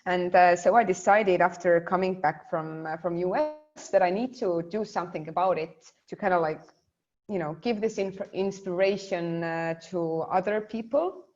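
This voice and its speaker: A woman's voice: on the low side, moderate pace, darkish tone. Chatty young woman, dull lo-fi sound. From Estonia. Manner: chatty, many fillers and restarts. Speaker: interviewee. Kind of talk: casual interview talk.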